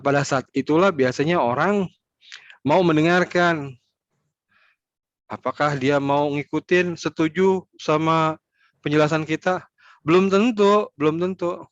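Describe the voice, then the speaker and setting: Higher-voiced man teaching, dry dull audio. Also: a little slow, long pauses, no room sound. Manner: explanatory, repeats key points for emphasis. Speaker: trainer. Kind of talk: online training talk.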